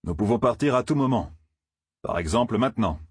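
A man's voice: mid-range voice, animated, brisk, darkish tone, slightly rough, no echo, clean studio sound, voice pushed up. A man voicing a terse, matter-of-fact swordsman in a storybook reading. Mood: businesslike. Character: terse, wary swordsman warder.

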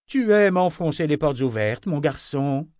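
A woman's voice: fairly low pitch, big pitch swings, a little slow, no echo, clean studio sound, voice pushed up. A man voicing an impatient older sorceress who scolds sharply, in an audiobook reading. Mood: exasperated. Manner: sharp, exasperated.

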